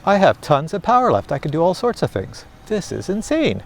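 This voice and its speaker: A chatty, excitable man talks to his viewers in a casual commentary. His pitch swoops up and down freely. He is recorded outdoors. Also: fast talker, a little hiss or hum. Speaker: drone reviewer. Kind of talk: casual live commentary while flying.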